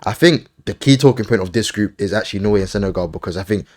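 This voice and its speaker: A man hosting a casual football podcast, briskly running through lists and giving offhand opinions. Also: on the low side, darkish tone. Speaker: podcast host.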